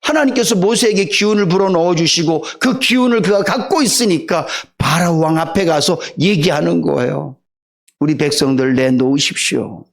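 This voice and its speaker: A middle-aged male pastor giving a Sunday sermon, telling the story with lively rhetorical questions to the congregation. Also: high voice, fairly quick, creaky, hardly any pauses.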